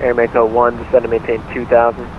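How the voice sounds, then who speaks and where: Over a muffled narrowband radio link with droning cockpit noise, a male air traffic controller reads out clipped procedural instructions. He talks fast in a monotone at medium pitch.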